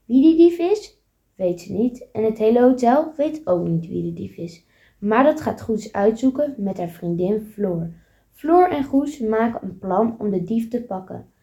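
Woman reading a story in a mellow voice. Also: fairly high pitch, lively intonation, unhurried, gravelly, lo-fi sound.

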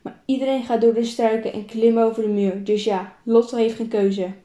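Casting note: female storyteller, slightly high, soft warm tone, plain reading with small repeats, roomy echo. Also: flat delivery, normal speed. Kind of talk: reading a self-written story aloud.

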